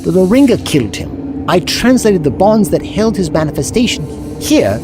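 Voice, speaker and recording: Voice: mid-range voice, sing-song, moderate pace, music in the background, natural voice. A performer in an audio drama playing the Doctor, an eccentric, kindly time traveller who explains things in a wordy, scholarly way. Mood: determined.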